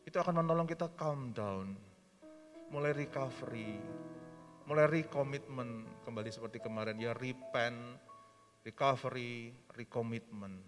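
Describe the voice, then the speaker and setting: A man, a pastor, answering a question at a church seminar, speaking with passion and rising sharply when he voices prayers. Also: mid-range voice. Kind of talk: seminar teaching with Q&A. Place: church hall. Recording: long hall reverb with faint music.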